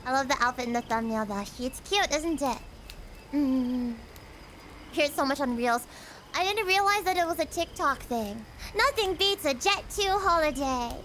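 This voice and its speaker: A young woman from the United States hosts a casual livestream from her home setup. She talks in a bubbly, giggly way, greeting viewers with a high, sunny voice. A faint background hiss stays underneath. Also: moderate pace, a bit bright. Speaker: VTuber streamer and singer.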